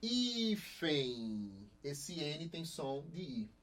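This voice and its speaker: Lively Brazilian man teaching a class. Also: a little high, very slow. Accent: Brazilian Portuguese. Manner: lively, asks the class questions and answers them himself. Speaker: Portuguese teacher. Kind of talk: recorded online class lecture.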